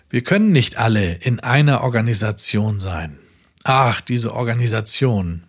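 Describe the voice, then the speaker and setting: A man reading a sermon aloud in German, measured and emphatic, with rising stresses. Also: medium pitch. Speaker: preacher.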